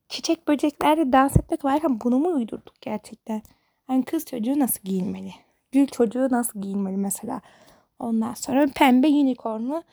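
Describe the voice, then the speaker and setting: A teenage girl, a high school student, rambling in an exasperated rant straight to camera. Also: dark tone, no echo, clean studio sound. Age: teens. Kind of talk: casual monologue to camera.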